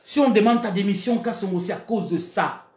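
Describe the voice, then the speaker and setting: With a mid-range, slightly mellow voice and a slightly fast pace, a woman from Congo (DRC) speaks in a Congolese accent, and the sound is roomy. As an online political commentator she launches into a passionate rant at her followers, exhorting them and repeating phrases for force as she alternates between Lingala and French.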